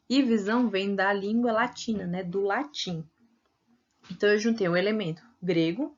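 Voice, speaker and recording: A woman's voice: medium pitch, highs cut off. A Brazilian woman teacher giving a recorded video lesson, explaining patiently and often checking in with tag questions. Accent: Brazilian Portuguese.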